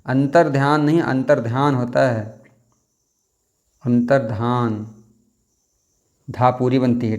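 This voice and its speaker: A young man teaching a spelling lesson for an exam, thinking out loud, repeating words and correcting himself, and stretching words out slowly as he spells them. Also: medium pitch.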